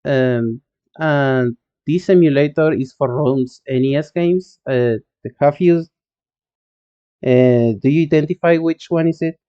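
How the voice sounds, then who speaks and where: A native Spanish speaker with an Argentine accent codes live and reads chat, talking to viewers at a slow, relaxed pace. The audio is dull and lo-fi, but his fairly high voice stays smooth and clear. Fillers and restarts break his speech into halting pieces.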